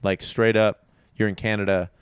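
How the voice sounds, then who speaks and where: A man's voice: on the low side, level tone, moderate pace, smooth, no echo, studio quality. A young man hosting a podcast in casual chat, goofy and playful, laughing often. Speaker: podcast host.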